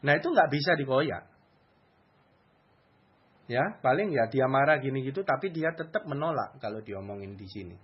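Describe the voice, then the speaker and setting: A man's voice: medium pitch, expressive, moderate pace, long pauses, slightly rough, muffled recording. A man preaching a sermon in a conversational, colloquial way, often asking rhetorical questions.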